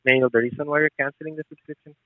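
A man's voice: fairly high pitch, steady tone, racing, no echo. A man working as a customer service agent on a call, polite and deferential. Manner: polite, deferential, often says sir. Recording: thin narrow phone line.

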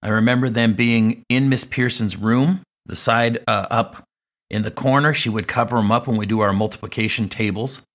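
A man's voice: mid-range voice, steady tone, normal speed, a bit bright. A man in his late forties telling childhood stories as a podcast host, reflective and rambling with asides. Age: 40s. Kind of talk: personal storytelling monologue.

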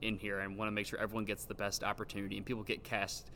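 A man's voice: on the low side, monotone, racing, bright, forceful tone. A man chatting casually as a guest with careful, hesitant phrasing, recorded in a large old gym with big-hall echo. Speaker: podcast guest, stage actor. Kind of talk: casual chat. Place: large old gymnasium used as a theater, indoors. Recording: roomy big-hall echo, background noise.

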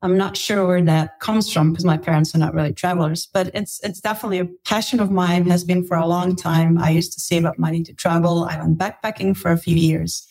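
Middle-aged woman from Belgium, husky and a little low, chatty podcast guest storytelling. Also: fairly even intonation, fairly quick, few pauses, a little mellow. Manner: chatty, laughing, with restarts. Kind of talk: casual interview storytelling.

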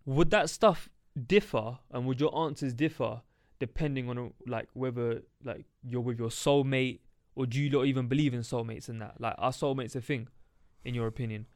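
A man's voice: medium pitch, normal speed, hardly any pauses, dry recording. Young guy hosting a podcast, london roadman accent, slangy n chatty, dry room. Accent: London, urban street slang (roadman). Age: young adult. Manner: slangy urban street way of talking. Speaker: podcast host. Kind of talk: casual podcast chat.

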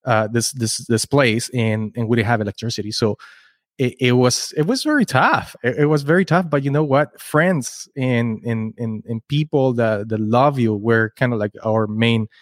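A man's voice: mid-range voice, normal speed, dry recording, studio quality. Man telling his story. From Chile. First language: Spanish. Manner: earnest, rambling, often restarts words. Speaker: podcast guest, entrepreneur. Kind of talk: casual interview storytelling.

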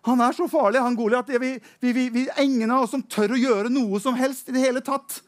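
A man's voice: extremely high pitch, fairly even intonation, voice pushed up. A man voicing frightened soldier brothers who stutter and stammer with fear. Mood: scared.

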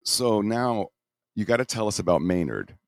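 Excited podcast host dude, big swings in his voice, casual hype. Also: lowish voice, dry recording, clean studio sound. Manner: enthusiastic, quick to laugh, chatty. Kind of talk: casual interview chat.

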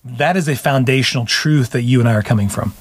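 Male podcast co-host, mid-pitched and earnest, taped close and dead-dry inside a clothes closet. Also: fast talker, husky, no room sound. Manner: earnest, meandering explanations. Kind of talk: casual conversational podcast. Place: small clothes closet at home.

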